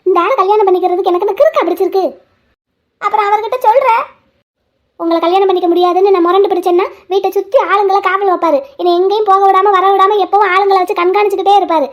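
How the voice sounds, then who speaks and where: Fearless young heroine in a cartoon, very high voice, firm and upbeat. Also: female voice, fairly even intonation, fast talker. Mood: determined. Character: bold young village woman, defiant and cheerful. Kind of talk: cartoon voice acting.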